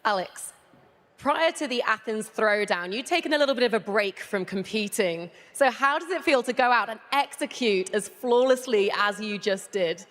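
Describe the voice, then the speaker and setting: A woman's voice: on the high side, expressive, moderate pace, a bit bright. A woman conducting a post-event interview as a sports sideline reporter. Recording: reverberant arena hall.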